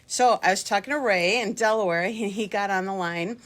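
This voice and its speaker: A woman's voice: mid-range voice, a little fast, a bit bright. A middle-aged woman and line dance instructor, talking casually and jokingly to camera from her home basement. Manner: talkative, joking, acts out voices in her anecdotes. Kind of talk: casual chatty tutorial to camera.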